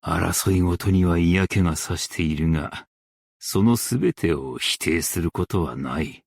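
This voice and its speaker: This is a Japanese game character's voice lines for a dignified, stern master craftsman and warrior, spoken very low and slowly in formal, archaic phrasing. Each grave line is weighty and measured, with vocal fry, a slightly rough, exaggerated quality, and close, dry sound without room tone.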